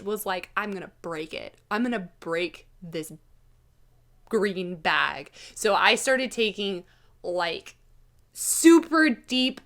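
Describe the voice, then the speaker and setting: A woman telling a personal story in a casual vlog style, with an animated manner that slips into acting out dialogue. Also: medium pitch, clean tone. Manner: animated, acts out quoted dialogue. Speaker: vlogger.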